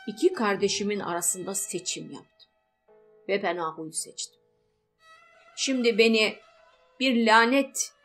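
A woman's voice: medium pitch, fairly bright tone. A woman voicing a firm, protective adult man who is the older brother in an audiobook story.

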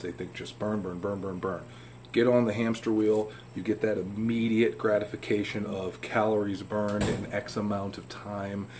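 Room hum and background noise are clearly audible as a man with a lowish, slightly mellow voice explains fitness tips straight to camera. It's an informal, emphatic talk recorded indoors at home, with fish tanks in the room.

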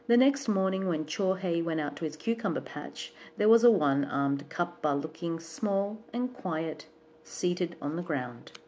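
A woman reads a folk tale aloud in a calm, measured way. Her voice is low, husky and mellow. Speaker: storyteller.

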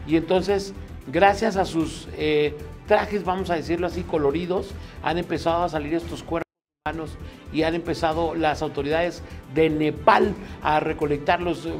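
A man co-hosting a comedy news show, recounting a story in a rambling way with many pauses and restarts. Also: fairly high pitch. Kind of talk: casual news commentary.

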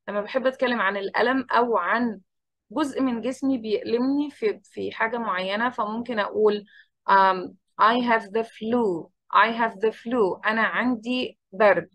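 A woman's voice: fairly high pitch, fairly bright tone, no echo. Egyptian teacher woman, dry close sound. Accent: Egyptian Arabic. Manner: switches between quick Arabic and slow, carefully modelled English. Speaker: English teacher. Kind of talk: bilingual English lesson.

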